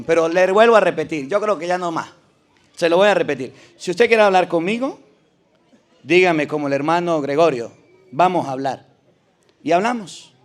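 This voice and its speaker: A priest in a debate, arguing emphatically with his opponents and repeating scripture phrases for stress. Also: sits high. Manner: emphatic, addresses opponents directly. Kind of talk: preaching debate argument.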